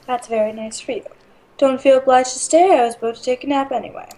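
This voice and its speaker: A woman voicing a dreamy, deadpan teenage schoolgirl who speaks flat and blunt. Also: sits high, fast, low-quality recording.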